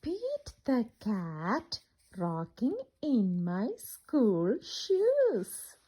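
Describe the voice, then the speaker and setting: Reading a picture book to children, this woman's voice is a little high and slightly rough. Her delivery is lively and singsong, and she stops to ask questions and wait for the kids' answers.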